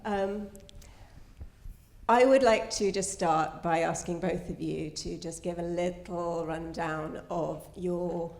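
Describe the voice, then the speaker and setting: A woman's voice: lowish voice, steady tone, takes it slowly, a little mellow. A woman moderating a live panel on a theatre stage, gracious and chatty, with many ums and restarts. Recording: roomy theatre sound.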